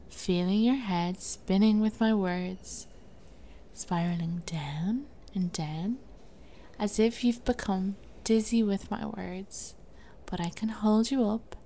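A woman playing an imperious, seductive princess hypnotist in a soft ASMR role-play, speaking slowly and closely, right in the listener's ear. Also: medium pitch, a little hiss or hum.

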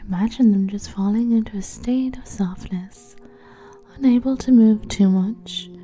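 A woman speaking softly and slowly, often in a whisper, guiding a massage and hypnosis roleplay in the second person. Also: mid-range voice, husky. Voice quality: soft, slow, soothing, often whispered. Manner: second-person guided imagery. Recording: soft music behind the voice. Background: faint music.

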